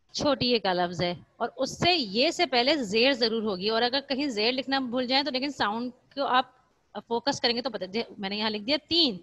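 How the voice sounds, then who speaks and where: A woman's voice: a little high, fairly bright tone, dry recording. A woman teacher giving a recorded school lesson to young children, patiently repeating points and answering her own questions, slipping in English words. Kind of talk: recorded online class lesson.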